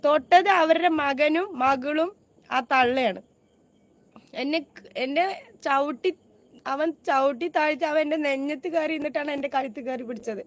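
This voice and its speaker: A woman with a hoarse voice after throat surgery, making an agitated, insistent video complaint as a YouTuber and mother of five. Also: sits high, moderate pace, long pauses.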